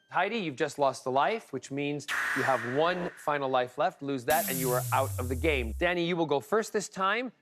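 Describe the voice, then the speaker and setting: A man's voice: a little high, fairly bright tone, slight background noise. A man hosting a TV quiz show in a studio, upbeat and playful with the contestants. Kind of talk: lively game show hosting. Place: TV studio with live audience. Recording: broadcast studio with music and crowd. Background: music and studio crowd.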